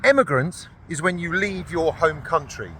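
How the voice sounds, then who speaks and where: Out on a morning walk, a British veteran vlogs to camera in a chatty, blunt and wry manner. His voice is a little high and fairly bright at a moderate pace. Slight background noise can be heard outdoors.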